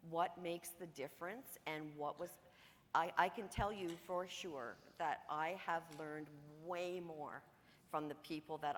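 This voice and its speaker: A woman's voice: deep voice, slight background noise. An older semi-retired woman pharmacist speaking earnestly and reflectively on a conference panel. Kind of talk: panel self-introduction. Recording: reverberant hall.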